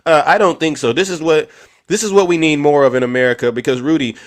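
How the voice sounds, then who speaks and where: Guy running a live debate stream, loud shout-outs, kinda high pitched. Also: quick pace.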